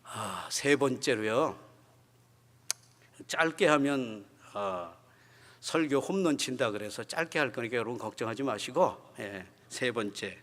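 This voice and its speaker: A man preaching a sermon as pastor, moving between quiet storytelling and loud, fervent exhortation. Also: mid-range voice, expressive, a little slow. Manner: swings from quiet talk to loud, shouting exhortation. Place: church sanctuary. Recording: long church hall reverb.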